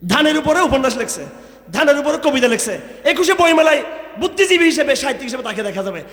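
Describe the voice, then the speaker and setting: A man's voice: very high voice, very animated, fast talker, fairly bright tone. A man from Bangladesh preaching a sermon to a crowd, firing rhetorical questions and mocking. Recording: echoey hall with long reverb.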